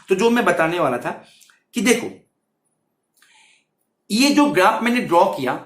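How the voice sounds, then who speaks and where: A man's voice: high-pitched, a bit bright. A man teaching maths for an exam, who keeps checking in with his students and repeats his phrases as he explains. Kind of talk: exam-prep lecture. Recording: roomy, echoey sound.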